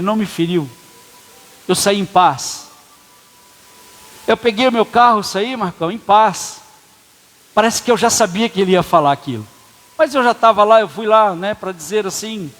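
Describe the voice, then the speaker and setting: A man preaching as a pastor, telling a personal story in a casual, conversational way and acting out the dialogue. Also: high voice. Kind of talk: sermon storytelling. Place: church hall. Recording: long church reverb.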